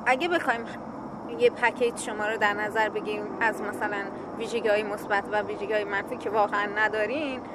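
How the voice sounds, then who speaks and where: A woman's voice: mid-range voice, fairly even intonation, very noisy. A woman, the host's wife, speaking earnestly in casual chat. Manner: earnest, praising. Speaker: wife of the host.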